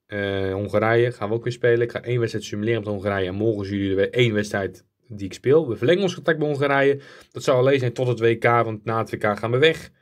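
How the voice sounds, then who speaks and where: Young male gaming creator, mid-pitched voice, rambling live play-by-play over his own match. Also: fast. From Netherlands. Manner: rambling play-by-play, rising excitedly at goals. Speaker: gaming YouTuber. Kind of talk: live game commentary.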